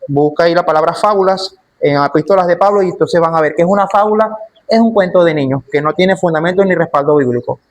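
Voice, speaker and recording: A man's voice: a little high, fast. A man teaching a church Bible class in an emphatic way, often repeating his key phrases.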